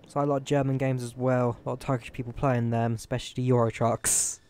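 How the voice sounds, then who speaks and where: Talking fast in a smooth, slightly mellow mid-range voice with little pitch movement, a young British man chats casually on a live stream. He rambles and thinks aloud to viewers as he tinkers with his flight simulator's settings.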